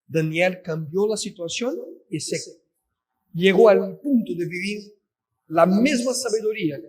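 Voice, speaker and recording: Male preacher, high voice, emphatic sermon delivery. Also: unhurried, breathy edge. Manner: emphatic, addresses listeners as "queridos". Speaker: pastor.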